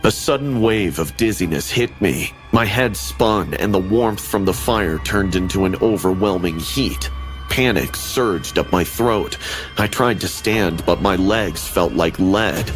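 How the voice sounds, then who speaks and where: A man giving steady, ominous scripted narration of a horror story, with music behind. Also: low voice, unhurried. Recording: animation audio with background music.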